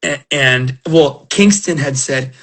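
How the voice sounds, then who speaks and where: A middle-aged livestream host speaks slowly at a medium pitch as he opens trading cards. Recovering from illness, he chats casually with viewers, wandering through emotional stories with plenty of fillers and restarts.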